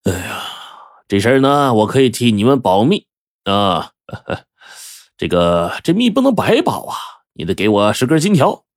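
A man's voice: fairly low pitch, sing-song, measured pace, no echo, clean studio sound. A man voicing a scheming, ruthless male village militia captain who talks in a drawling, officious and menacing way. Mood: sly.

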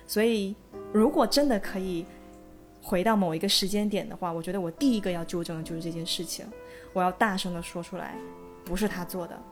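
A woman co-hosting a casual podcast, telling a childhood story in a lively way and laughing often. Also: on the low side, a little fast, faint music behind. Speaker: podcast co-host.

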